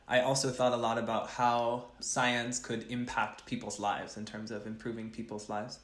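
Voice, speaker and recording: A young man answers interview questions with earnest, thoughtful care, often circling back to restart a sentence. His voice sits at an ordinary middle pitch. The room around him is noticeably echoey. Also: flat delivery, normal speed, fairly bright tone. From grew up between West Africa and the US East Coast. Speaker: chemical engineering professor, guest.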